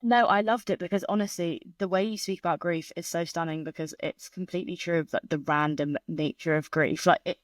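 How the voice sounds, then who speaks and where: A woman in her twenties, a guest on a podcast, speaking in a thoughtful, measured and open way. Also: on the low side, fairly even intonation, no room sound, studio quality. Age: 20s. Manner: thoughtful and measured, speaking openly about grief. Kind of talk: candid interview conversation.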